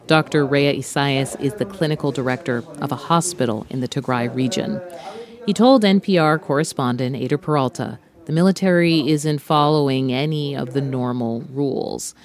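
A woman hosting a news podcast, narrating scripted reports in a grave, measured storytelling manner. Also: very deep voice. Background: music bed.

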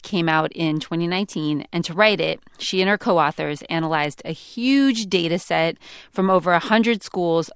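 A woman's voice: on the low side, smooth, no room sound, clean studio sound. An American woman co-hosting a podcast, moving between playful, casual chat and conversational presenting. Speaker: podcast co-host.

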